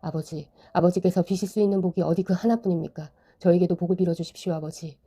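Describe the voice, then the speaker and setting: A woman reads a wronged elder son who pleads with his father. The voice sits low and mellow, with a brisk pace. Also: steady tone, slightly rough. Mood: pleading.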